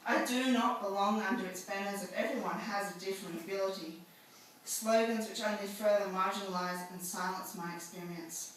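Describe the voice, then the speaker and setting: A woman performing a spoken-word poem live, defiant, crude and emphatic, now and then rising to shouts. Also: medium pitch, fairly even intonation, normal speed, far from the mic, slight background noise. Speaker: poet. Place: live event venue. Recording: echoey room, mic from afar.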